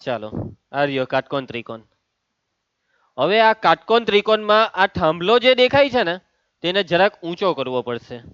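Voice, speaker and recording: A male maths teacher talks his class through a lesson in a chatty, teasing way, calling students by name. His voice sits high and smooth. The recording is dry, with a dull, lo-fi sound. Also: very animated, normal speed, fairly bright tone, no echo.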